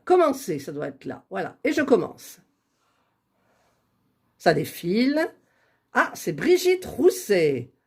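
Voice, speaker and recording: A woman's voice: mid-range voice, wildly swooping pitch, slow pace, pauses often, husky. A woman chatting casually while drawing giveaway winners on a computer, laughing at her own fumbling. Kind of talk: casual screen-recorded vlog.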